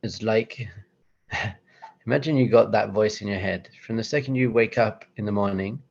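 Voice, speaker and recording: A rabbi giving a chatty, self-deprecating motivational talk with slides, breaking into acted-out voices. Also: male voice, fairly low pitch, moderate pace, gravelly, darkish tone, highs cut off.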